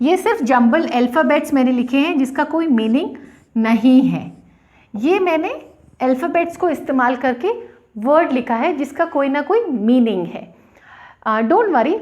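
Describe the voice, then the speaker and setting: A woman English teacher, a native Hindi speaker, explaining letters, syllables and sentences slowly and deliberately, spelling words out. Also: sits high, darkish tone. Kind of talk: bilingual classroom explanation.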